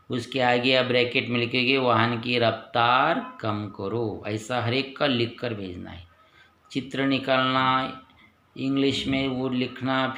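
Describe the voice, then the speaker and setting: A man's voice: medium pitch, gravelly, fairly bright tone, reverberant. A man teaching pupils, patiently repeating each point and asking then answering his own questions. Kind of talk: lesson for pupils.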